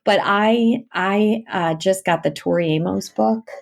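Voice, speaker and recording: Guesting on an interview, this middle-aged woman who narrates audiobooks shares stories in a casual, lively way, laughing and swinging in tone. Her voice is gravelly and mid-pitched, and she never rushes.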